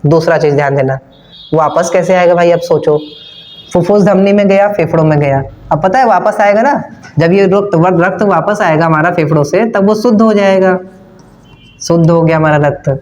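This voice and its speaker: A man's voice: sits high, moderate pace, darkish tone. A man from India with a North Indian Hindi accent, teaching a science class online, repeating key terms and answering his own questions in a casual way. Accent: Hindi-speaking North Indian. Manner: casual, addresses students as brother and kids. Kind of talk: online class lesson with diagram.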